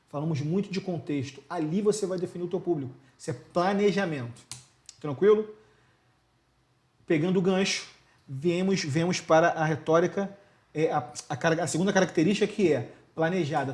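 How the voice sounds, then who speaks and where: A man's voice: on the high side, a little mellow. A Brazilian man teaching a casual video lesson, emphatic and slangy, who gestures constantly and keeps asking rhetorical questions. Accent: Brazilian Portuguese. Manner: gestures constantly while talking.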